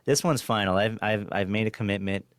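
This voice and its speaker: A man from Kansas who used to be a film assistant director chats casually as a podcast guest in an interview, restarting sentences, laughing easily, and occasionally swearing. His voice is on the low side and fairly quick, with a clean tone and no room sound.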